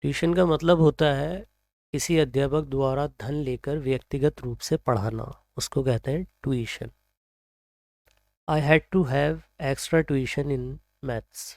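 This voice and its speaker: A man with an Indian accent teaching English pronunciation, reading example sentences slowly and then explaining them. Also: medium pitch, darkish tone, dry recording, clean studio sound. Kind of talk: slow explanatory lesson, mixing Hindi and English.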